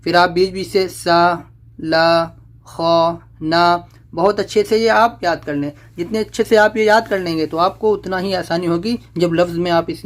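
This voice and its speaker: A man teaching Quran reading, drilling syllables slowly one by one and then explaining quickly. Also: high-pitched. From South Asia. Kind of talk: patient step-by-step lesson.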